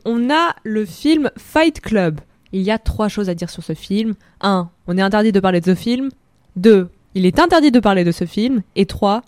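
Lightly joking while she runs through a list of films, an eighteen-year-old radio host keeps her film segment casual and playful at the studio mic. Her voice is a little high with a darkish tone, and there's no echo.

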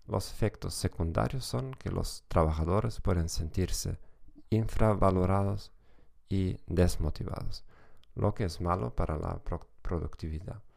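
Very deep, creaky German-accented man. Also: unhurried, darkish tone. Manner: non-native, careful phrase-by-phrase delivery. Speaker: psychology podcast host and lecturer. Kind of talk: scripted educational narration.

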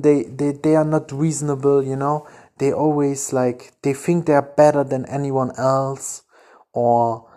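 A man's voice: medium pitch, warm tone. A man hosting a podcast, giving blunt, rambling motivational dating advice with frequent self-corrections. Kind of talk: casual motivational monologue.

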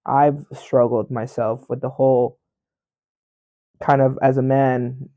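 Frank, swearing man, warm and dry. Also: mid-range voice, slow, dry recording, highs cut off. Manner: frank, animated, swears often. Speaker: podcast co-host. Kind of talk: casual chat.

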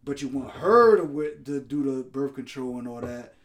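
A man co-hosting a podcast in casual, slangy chat, laughing easily as he talks. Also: mid-range voice. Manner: animated, slangy, quick to laugh. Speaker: podcast co-host.

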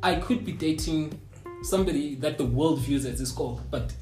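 A man's voice: a little high, normal speed, mellow. A man hosting a casual panel discussion, talking earnestly and often adding "you know". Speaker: host. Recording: roomy studio with music bed.

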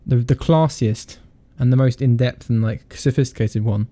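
A man's voice: mid-range voice, normal speed, mellow. A man hosting a casual podcast chat, joking, laughing often and restarting his sentences. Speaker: podcast host.

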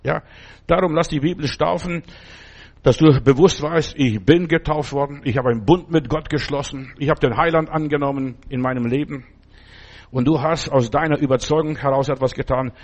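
A man's voice: medium pitch, darkish tone. A man preaching a sermon emphatically, repeating phrases and checking in with "ja?". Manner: emphatic, repetitive preaching with tag questions.

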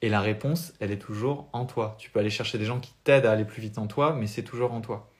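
A man's voice: lowish voice, fast talker. A young French man with a French accent, a spiritual life coach giving an earnest, motivational talk on a live stream without notes.

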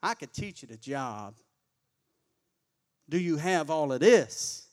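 A man's voice: fairly high pitch, big pitch swings, slow pace, darkish tone. A male pastor, preaching a sermon in a colloquial, call-and-response style.

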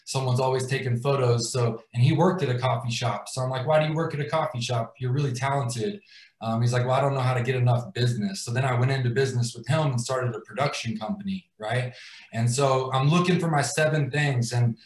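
A man's voice: medium pitch, a little fast, distant mic. A man in his thirties telling a personal story as guest host on a live stream, rambling with many fillers and restarts. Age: 30s. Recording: roomy sound, away from the mic.

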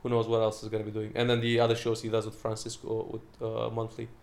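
Young British comedian, quick rambling chatter, restarts a lot. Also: male voice, lowish voice, monotone, gravelly. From Britain. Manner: rambling, fast, lots of fillers and restarts. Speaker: stand-up comedian. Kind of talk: casual chat.

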